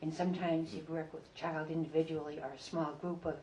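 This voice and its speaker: An older woman with a low voice, a retired reading teacher, tells a fond story about her school days. Her words ring with the echo of a large room, and a faint hum sits underneath. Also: little pitch movement, fast talker, darkish tone. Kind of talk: reminiscing talk at a community gathering. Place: library meeting room. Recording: roomy echo.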